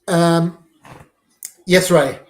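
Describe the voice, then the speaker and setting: A man's voice: a little high, steady tone, very slow, echoey room. A man hosting a live stream, giving casual running commentary on a match and reacting to each play.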